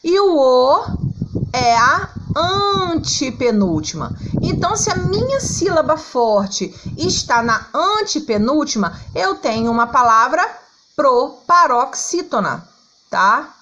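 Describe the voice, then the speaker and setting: Brazilian woman, primary teacher, high and lively, unhurried, patient, drawn-out syllables. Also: rough recording. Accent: Brazilian Portuguese. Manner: slow, patient, sings out syllables to show stress; checks in often with "tá?" and "ó". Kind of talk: online lesson for schoolchildren.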